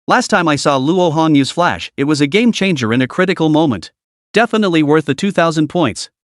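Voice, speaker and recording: A man's voice: a little high, expressive, a little fast, no echo, studio quality, lightly acted. A man voicing a wry, scheming young male beast tamer who mutters his thoughts aloud in a storybook recap.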